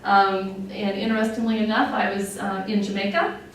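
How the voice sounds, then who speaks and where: A woman's voice: mid-range voice, fairly even intonation, normal speed, distant mic. A woman in her forties tells her own story in a candid, heartfelt talk, with plenty of ums as she goes. Her mid-range voice comes from well back from the mic in a very echoey room. A faint hiss sits under the recording. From Wyoming, USA. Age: 40s. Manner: candid, conversational, many fillers, openly emotional. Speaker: nurse executive telling her patient story. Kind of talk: personal testimony talk.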